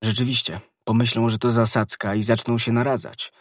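A man voicing a proud, stern musketeer nobleman in an audiobook. He speaks with dry, measured scorn, in a mid-pitched voice, recorded close and dry. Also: level tone, no echo, natural voice. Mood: scornful. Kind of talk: audiobook character reading.

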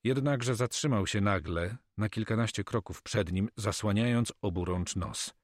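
A man narrating an adventure story as an audiobook reader, with steady storytelling delivery. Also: lowish voice, normal speed, no room sound, studio quality.

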